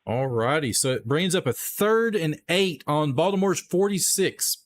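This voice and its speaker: A Texan man calls live play-by-play for his stream, chatting casually and upbeat while speaking directly to viewers and giving shout-outs to chat. His voice sits a little high and sounds expressive, and he takes his time.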